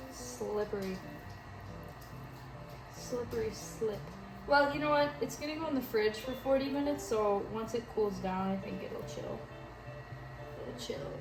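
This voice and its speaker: Wisconsin gal rambling while she bakes, self-deprecating, roomy kitchen, music in the back. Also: mid-range voice. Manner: chatty, self-deprecating, giggly. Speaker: home baking vlogger. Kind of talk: casual chat while baking. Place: home kitchen.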